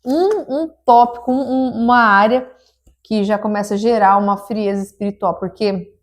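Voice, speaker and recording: Woman co-host on a church podcast, kinda high voice, earnest and preachy, lots of restarts. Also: steady tone, moderate pace.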